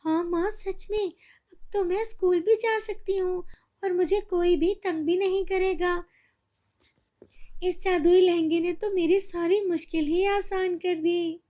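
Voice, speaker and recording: Storybook cartoon girl, small and easily frightened, shrill and high-pitched, mellow tone, as a woman puts her on. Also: unhurried. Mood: eager. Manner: high, excited, crying out.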